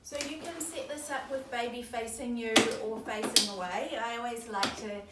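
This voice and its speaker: A woman's voice: a little high, fairly even intonation, moderate pace. A young woman with a New Zealand accent, casually demonstrating a product and chatting with frequent ums. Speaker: store presenter demonstrating a stroller. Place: baby store. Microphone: camera mic at a distance. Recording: roomy, distant, loud background noise.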